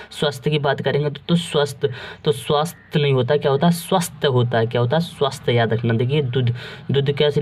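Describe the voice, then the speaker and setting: A man's voice: mid-range voice, a little mellow. A man teaching Hindi spelling, who keeps asking and answering his own questions and calls his listeners friends. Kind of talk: spelling lesson.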